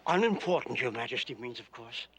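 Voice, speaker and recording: A man's voice: mid-range voice, animated, a little fast, fairly bright tone, slight background noise. A man playing a deferential, fussy royal court official in a theatrical comic fantasy drama.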